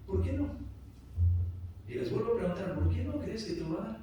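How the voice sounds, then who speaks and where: A man with a high, mellow voice preaches briskly and with animation to his congregation in a church sanctuary, repeating "hermanos" ("brothers") again and again as his sermon rises to emphatic peaks. The recording is very echoey, captured from a distance in the church hall, with slight background noise.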